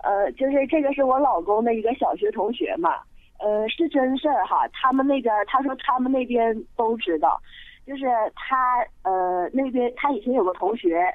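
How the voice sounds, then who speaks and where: A radio call-in listener from Sichuan shares a ghost story by phone, hesitating often with fillers. She speaks at a normal speed in a fairly high voice, and the tinny, dry line has no echo.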